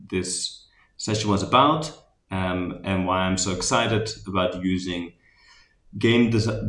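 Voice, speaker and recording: A Dutch man with a Dutch accent gives a relaxed, rambling recap of a design workshop he presented, full of ums and restarts. His voice is low, and the sound is roomy.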